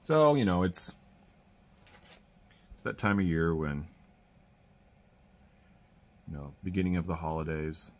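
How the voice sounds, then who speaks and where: Very deep-voiced man talking around a pipe. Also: very animated, a little slow, long pauses. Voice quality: speech muffled around a pipe held in the mouth. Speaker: pipe-smoking video host. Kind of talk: casual, rambling storytelling chat to viewers.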